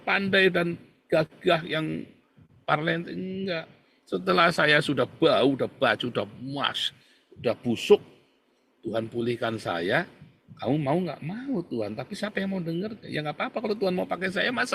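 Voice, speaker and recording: Lively, bright-voiced male pastor preaching. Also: high-pitched, normal speed, gravelly, slightly rough. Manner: animated, colloquial, addresses listeners as "saudara"; swings between loud outbursts and soft asides. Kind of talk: conversational sermon.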